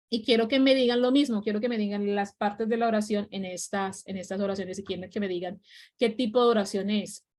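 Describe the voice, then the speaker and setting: A woman's voice: a little high, a little mellow. Patient woman teaching a class. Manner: patient, checks understanding often. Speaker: English teacher. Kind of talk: online class explanation.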